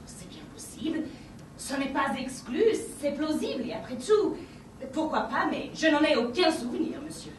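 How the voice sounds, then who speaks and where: Stage wife, formal and wondering, played by a woman, high voice, echoey hall, noisy, far from the mic. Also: lively intonation, normal speed. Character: prim English wife, politely puzzled. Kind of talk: amateur stage acting.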